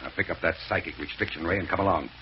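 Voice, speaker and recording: An actor playing a bossy, scheming space villain in an old radio serial, commanding, impatient and clipped. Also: male voice, low-pitched, rapid-fire, natural voice. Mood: impatient, menacing. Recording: muffled, hissy old radio broadcast.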